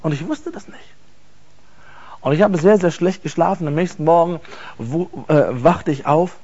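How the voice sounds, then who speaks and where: Earnest high-voiced man giving testimony. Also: darkish tone, lo-fi sound. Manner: earnest, repeats words for emphasis, halting fillers. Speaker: speaker giving a faith testimony. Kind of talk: emotional personal testimony.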